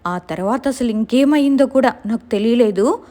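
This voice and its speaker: A woman's voice: a little high, normal speed, dark tone. A woman casually telling a real-life horror story in a colloquial, conversational way.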